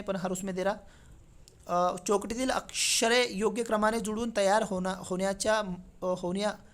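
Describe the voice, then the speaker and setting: A male teacher with a high-sitting, fairly bright voice chats his way through an exam paper lesson. His first language is Marathi, and he keeps a conversational tone, checking in with frequent tag questions.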